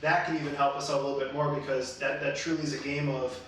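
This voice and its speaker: A man's voice: medium pitch, level tone, quick pace, a bit bright. A man hosting a casual advice talk as a hairstylist, explaining things in a conversational, roundabout way. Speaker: hairstylist and show host. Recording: very echoey room, distant mic, faint noise.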